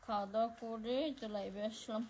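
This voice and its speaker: A woman with a Barishal Bengali accent hosting a casual phone live stream, speaking softly because of neck pain as she reads out viewer comments and thanks people by name. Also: a little high, little pitch movement, quick pace, noisy background.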